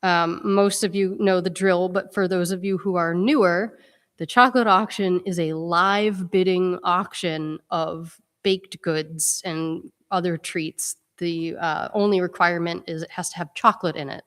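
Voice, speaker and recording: A woman's voice: fairly low pitch, steady tone, measured pace. A woman with a stuffy head cold gives the welcome and announcements at a church service in a chatty, informal way, with frequent ums. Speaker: minister leading worship. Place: church sanctuary. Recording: long reverb in a church sanctuary.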